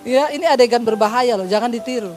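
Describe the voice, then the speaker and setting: A woman pastor delivers a sermon in a high voice, telling stories with lively humor. She acts out every conversation herself and plays both sides. Faint music sits under her voice. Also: fast talker.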